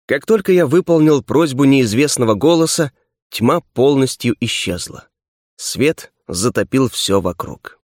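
Male narrator, mid-pitched, measured pacing with dramatic pauses, dry studio sound. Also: animated, darkish tone, no room sound. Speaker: audiobook narrator. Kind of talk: scripted first-person narration.

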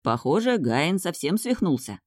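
A woman voicing a quiet, measured male nobleman in an audiobook. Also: low voice, sing-song, no echo, studio quality. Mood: worried.

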